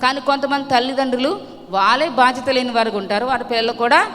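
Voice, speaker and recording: Woman preacher, higher pitch, emphatic and repetitive, long hall reverb. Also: quick pace, fairly bright tone. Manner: emphatic, repeats phrases, exclaims hallelujah. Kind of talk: Telugu sermon retelling a Bible passage.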